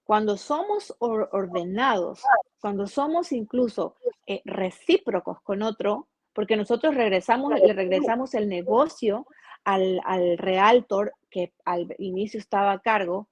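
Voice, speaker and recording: A woman's voice: medium pitch, measured pace, no room sound. Earnest Ecuadorian woman telling a story. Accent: Ecuadorian Spanish. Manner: earnest, animated storytelling with frequent restarts. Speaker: guest, journalist. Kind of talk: casual storytelling interview.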